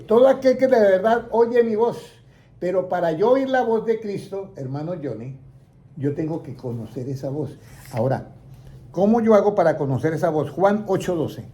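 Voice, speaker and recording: A man's voice: fairly high pitch, dark tone. A man leading a Bible lesson for a small indoor group, asking questions and leaving his sentences open for listeners to complete. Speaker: Bible teacher.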